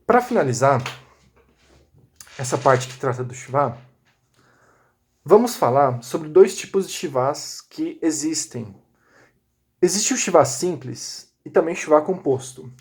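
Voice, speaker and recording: A man's voice: on the high side, lively intonation, unhurried, long pauses. A man teaching a recorded language lesson. He explains step by step and often checks in with short tag questions. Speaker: Biblical Hebrew teacher.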